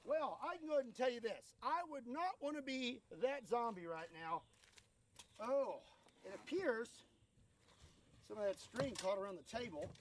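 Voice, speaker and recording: A man's voice: very high voice, lively intonation, moderate pace, a little hiss or hum. A man hosting a stunt video in a casual, folksy way with joking understatement. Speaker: video host. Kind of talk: casual presenting of weapon stunt tests.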